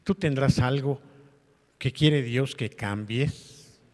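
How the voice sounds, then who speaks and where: A man's voice: mid-range voice, slow. A man, a pastor preaching a conversational sermon to his congregation and asking them questions. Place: church meeting hall. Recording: long hall reverb.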